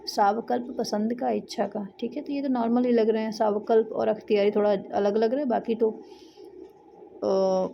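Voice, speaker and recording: A woman's voice: a little high, steady tone, normal speed, creaky, muffled recording, slight background noise. A woman teaching exam vocabulary, reading through synonym lists and checking in with her students as she goes. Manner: runs through word lists, with frequent "theek hai" checks.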